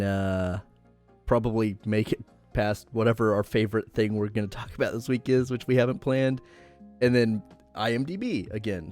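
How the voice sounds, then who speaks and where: A man's voice: lowish voice, a little mellow. Laughing young man co-hosting a podcast. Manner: laughs often, chatty and unsure. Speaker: podcast co-host. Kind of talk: casual chat.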